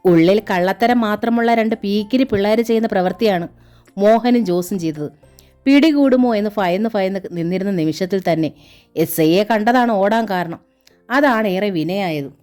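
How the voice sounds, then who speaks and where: Woman narrating a novel over soft music. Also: mid-range voice, moderate pace.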